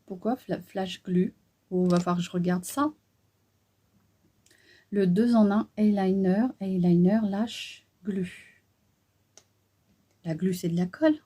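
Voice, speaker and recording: A woman's voice: mid-range voice, slow, long pauses, dark tone, slightly rough. A middle-aged woman chatting casually through a beauty haul, hesitant and full of fillers. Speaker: beauty vlogger.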